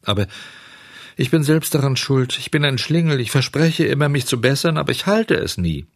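A man's voice: medium pitch, lively intonation, moderate pace, no room sound, clean studio sound, pitched above the performer's own voice. A man reading a storybook and voicing a naughty wooden puppet boy who pleads and grows impatient. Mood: pleading, impatient.

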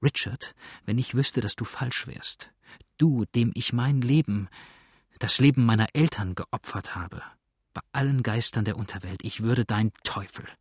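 A man's voice: medium pitch, measured pace, slightly rough, no room sound, studio quality. A man voicing a passionate, jealous young woman who speaks vehemently, in an audiobook. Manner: impassioned, vehement.

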